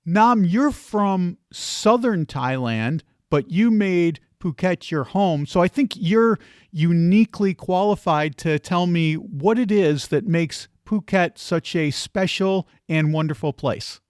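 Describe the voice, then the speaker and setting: A man hosts a podcast, speaking in a friendly, well-measured way as he introduces his guest and asks questions. His voice sits a little high for a man. The sound is dry and close to the mic. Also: expressive, a little mellow, dry recording. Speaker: podcast host. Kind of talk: podcast interview.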